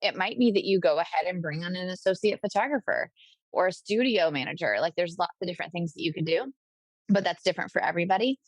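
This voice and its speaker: A woman's voice: fairly low pitch, fast, no echo. A woman guest on a podcast, talking enthusiastically and casually as she gives business advice to wedding pros. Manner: enthusiastic, upbeat, advice-giving. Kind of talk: casual interview talk.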